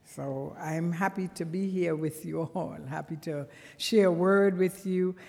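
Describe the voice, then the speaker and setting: Speaking as a guest preacher in a church sanctuary, a woman from Trinidad delivers a conversational sermon in her Trinidadian accent, punctuated by earnest, emphatic bursts. She sounds low, creaky and darkish, with a steady tone and a slightly slow pace, all wrapped in long church reverb.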